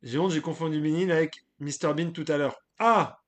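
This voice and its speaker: A man's voice: on the high side, fairly even intonation, a little fast, darkish tone. A man hosting a live stream, chatting casually and loosely, giving his opinions and greeting viewers from the chat, with frequent hesitations.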